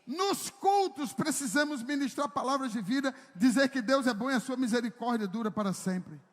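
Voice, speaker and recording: A man preaching a sermon as pastor, joking with the congregation and rising into loud, emphatic preaching. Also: extremely high pitch, animated, normal speed. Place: church. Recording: echoey church hall.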